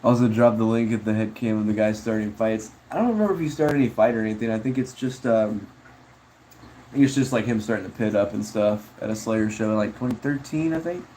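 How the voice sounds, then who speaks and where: A man's voice: fairly low pitch, fast talker, warm tone, a little hiss or hum, low-quality recording. A man chatting casually on a livestream, rambling laid-back about viewer comments and calling people bro and dude. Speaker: streamer.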